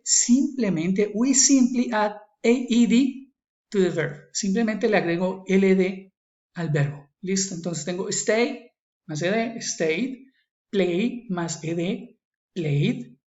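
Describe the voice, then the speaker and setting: A man with a Colombian Spanish accent teaching English grammar in a recorded online lesson. He repeats each rule and keeps checking in with his students. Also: high voice. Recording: echoey, slightly dull screen recording.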